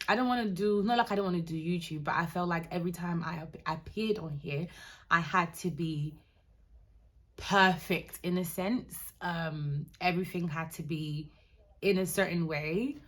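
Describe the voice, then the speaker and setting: A young Ghanaian woman vlogs to camera, chatting candidly in a loose, rambling, casual way. Her accent blends American, Ghanaian and London influences, and her voice sits on the low side at a normal speed.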